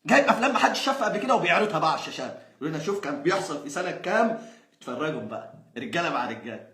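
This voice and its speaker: Racing along in a fairly high, fairly bright voice, a young Egyptian man speaking Egyptian Arabic delivers a very animated monologue about football. He's exasperated and sarcastic, laughing now and then, and the room echoes around him.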